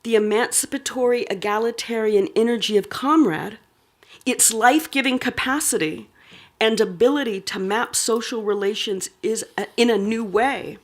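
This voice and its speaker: A woman giving an academic lecture, reading a prepared text aloud with occasional asides and fillers. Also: medium pitch. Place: lecture hall.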